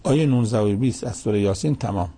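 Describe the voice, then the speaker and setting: A man giving a religious commentary lecture in a measured, emphatic way, reciting Arabic verses between his explanations. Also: fairly low pitch, dark tone, breathy edge. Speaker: Quran commentator.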